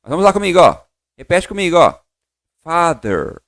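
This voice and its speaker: A Brazilian man teaching English online, upbeat and encouraging, drilling slow repetitions of words. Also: sits high, expressive, a bit bright, dry recording, clean studio sound. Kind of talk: online English lesson for Portuguese speakers.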